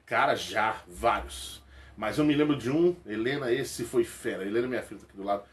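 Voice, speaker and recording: A comedian in his forties from Rio de Janeiro, Brazil, talks to a webcam close to his face, answering viewer questions in a small room lined with toy shelves. His mid-range voice moves fairly quickly, and he's animated, jokey and slangy, laughing often.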